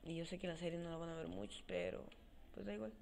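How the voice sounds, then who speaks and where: Male gamer, home let's play, excitable, swears a lot, self-talk, quiet cheap mic. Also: a little high, fast, creaky, slight background noise. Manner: excitable, swears often, talks to himself while playing. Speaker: gaming channel host. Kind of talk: let's play gameplay commentary. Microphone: cheap desk mic without a stand, voice comes out quiet.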